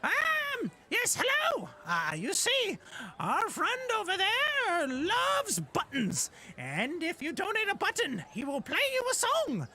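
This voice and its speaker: A man doing a squeaky polite goblin. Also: wildly swooping pitch, takes it slowly, bright, forceful tone, a little hiss or hum, exaggerated voice. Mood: polite pleading. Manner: polite, hesitant, high-pitched pleading. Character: small fussy male goblin dressed as a ladybug.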